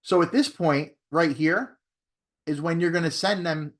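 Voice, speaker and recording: A man's voice: on the high side, unhurried. A man teaching a real estate training class, talking casually and often checking in with his listeners. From Florida. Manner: conversational, repeats "okay?" and "right?" to check in; acts out phone scripts in a shifted tone.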